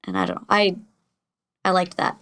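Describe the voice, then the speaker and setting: A woman's voice: on the low side, very animated, moderate pace, fairly bright tone, smooth. A woman player in casual chat, rambling and searching for words.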